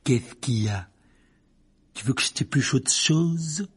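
A man voicing a sly, spiteful schoolboy bully who taunts slowly and in a hushed tone, in a storybook reading. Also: medium pitch, expressive, slightly rough, full character voice. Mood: taunting.

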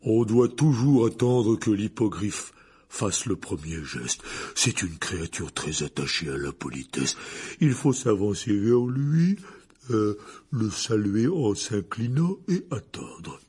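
A man's voice: on the low side, animated, slow pace, a little mellow, husky, exaggerated voice. An actor playing a huge, kindly, clumsy half-giant teacher who stumbles over his words with many fillers. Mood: explaining. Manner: hesitant, full of fillers, eager. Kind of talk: dramatized audiobook reading.

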